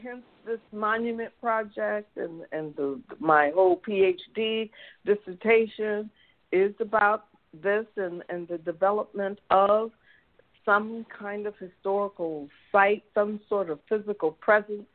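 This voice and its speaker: A woman guest in an interview, telling a personal story in an animated way and acting out what her family said. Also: medium pitch, unhurried. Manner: animated, acts out family quotes. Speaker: guest researcher. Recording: tinny phone-line sound.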